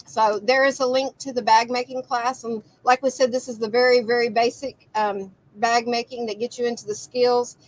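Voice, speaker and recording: A woman's voice: a little high, flat delivery, moderate pace, few pauses, low-quality recording. A woman hosting a live quilt shop broadcast, chatting casually and rambling with restarts. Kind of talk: casual live-stream chat.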